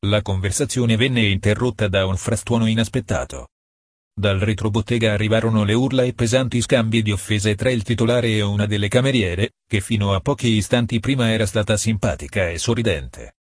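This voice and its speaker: Low husky male audiobook narrator. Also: fairly quick, dry recording, clean studio sound.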